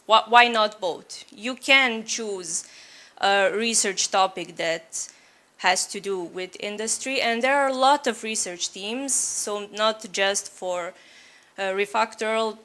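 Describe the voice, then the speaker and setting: A young woman from Serbia, a doctoral student, giving a presentation at an online open day. She speaks slowly and deliberately, pausing on fillers and clearing her throat now and then. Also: mid-range voice, bright, forceful tone. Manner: slow, careful, with frequent fillers and throat clearing. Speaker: PhD student.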